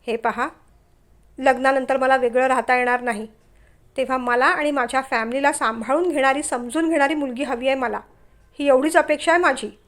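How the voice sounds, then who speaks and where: A prickly young bank clerk, as a woman storyteller puts him on, talks in a stiff, lecturing way and gets irritated fast. The voice stays high, the same light storybook voice as the narration. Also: fairly even intonation, a bit bright. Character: young man, bank clerk, touchy suitor.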